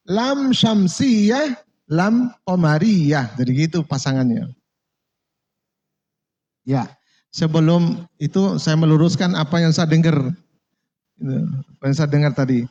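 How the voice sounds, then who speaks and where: A man with an Indonesian accent teaching Quran recitation in a mosque, slowly repeating terms and correcting his students. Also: fairly high pitch, a little mellow. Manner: slow and repetitive, correcting students, drawing out Arabic terms. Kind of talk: relaxed classroom lesson. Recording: dull lo-fi recording.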